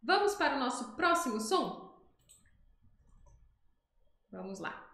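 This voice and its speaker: A woman from Brazil teaching an online French lesson, her voice sitting a little high. She explains each sound patiently and slowly repeats the words so learners can copy them. The room around her microphone gives a noticeable echo. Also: very animated, fairly bright tone. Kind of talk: online language lesson with screen demonstrations.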